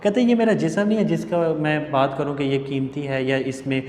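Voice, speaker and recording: A male teacher works through a book line by line, reading English slowly and then explaining each word's meaning at length. His voice sits slightly high. The recording is roomy, with a long reverb and a faint ambient hum. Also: fairly even intonation, a little mellow.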